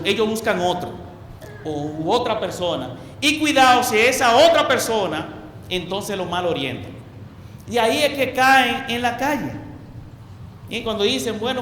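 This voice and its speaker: Man, high bright voice, emphatic lay preacher who repeats for stress, echoey hall with faint noise. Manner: asks the audience questions. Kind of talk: preaching talk to a congregation.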